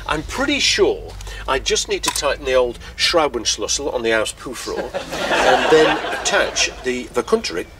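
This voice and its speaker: An actor playing a bumbling, overconfident sitcom dad who boasts and bluffs. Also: male voice, mid-range voice, sing-song, normal speed, background noise. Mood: bluffing. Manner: boastful, blustering. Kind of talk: sitcom acting.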